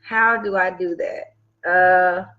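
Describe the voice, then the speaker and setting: A woman's voice: lowish voice, fairly even intonation, slow. A woman co-hosting a casual radio show, telling a story in a heartfelt way. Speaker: co-host. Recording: dull lo-fi livestream audio.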